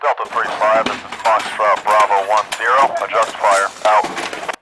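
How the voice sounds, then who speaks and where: Noisy, calm military radio fire call acted by a man. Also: on the low side, a little slow, natural voice. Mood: clipped, procedural. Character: male military radio operator echoing fire mission. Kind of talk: scripted military radio role-play.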